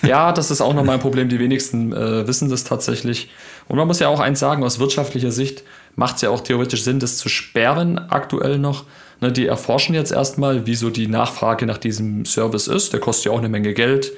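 Man, gravelly voice, podcast co-host, eager explaining. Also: medium pitch, steady tone, a little fast. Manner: enthusiastic, explanatory. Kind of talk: casual tech chat.

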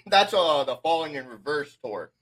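A man with a bright, forceful voice co-hosts a music review podcast. He sounds tired and yawns between thoughts. He talks loosely, swears freely and keeps restarting his sentences. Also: fairly high pitch, lively intonation, measured pace. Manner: loose, profane, trailing off in restarts. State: tired, yawning. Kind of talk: casual chat.

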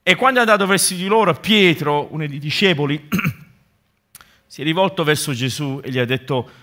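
A man's voice: a little high, animated, normal speed, pushed and bright. A male pastor delivering a sermon, building his points through repeated phrases and speaking directly to his congregation. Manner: impassioned preaching with repeated rhetorical build-ups; addresses the congregation directly with asides.

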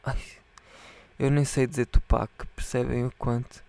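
A man's voice: medium pitch, level tone, a little slow, creaky, dark tone. A drunk man with a European Portuguese accent, hosting his podcast and rambling, repeating himself and swearing freely as he talks to his patrons. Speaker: podcast host. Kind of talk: rambling casual monologue to patrons.

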